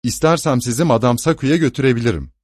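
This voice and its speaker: A man's voice: mid-range voice, quick pace, darkish tone, husky, no room sound, clean studio sound, natural voice. A man voicing a teasing, argumentative young male law clerk in an audiobook. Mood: mocking.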